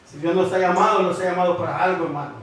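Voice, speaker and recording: A preacher with a high voice delivers his sermon, constantly addressing the brethren and throwing questions at them. He is recorded from a distance in a church hall with a heavy echo. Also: fairly even intonation, very fast, fairly bright tone, slight background noise. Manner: repeats 'hermanos', asks the congregation questions. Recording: echoey hall from far off.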